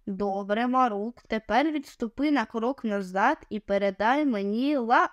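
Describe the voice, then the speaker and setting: A woman's voice: on the high side, a little slow, no echo, muffled recording, close to an everyday voice. A woman voicing a jittery young boy companion who gives urgent orders in a storybook reading. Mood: bossy.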